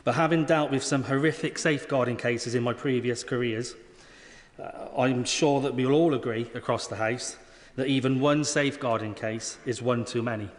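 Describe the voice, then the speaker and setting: A man's voice: mid-range voice, fairly even intonation, normal speed. A man with a British accent delivering an earnest, formal prepared speech as a member of parliament in a large debating chamber. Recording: reverberant hall sound.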